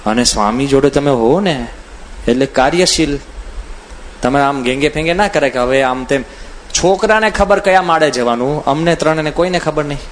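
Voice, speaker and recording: A man's voice: a little high, a little hiss or hum. A man who is a monk giving a humorous spiritual discourse, telling anecdotes and acting out the voices of people he quotes. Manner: animated, acts out quoted voices, chuckles while telling anecdotes.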